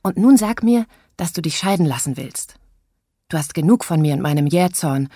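A woman's voice: sits low, moderate pace, husky, dry recording, studio quality. A woman voicing a bossy, eager young girl who coaches her friend through a scene. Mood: coaching. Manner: coaching, insistent, animated.

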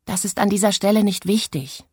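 A woman's voice: medium pitch, a little fast, husky, dry recording, clean studio sound, voice pushed up, lightly acted. Grace, a woman doing a bossy eager young girl. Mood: coaching. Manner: coaching, insistent, animated.

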